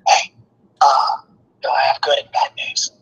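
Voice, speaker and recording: A man calling in on speakerphone, talking in a loud hoarse whisper so he won't wake a sleeping child. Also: a little slow. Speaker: caller, friend of the host. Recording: tinny phone line.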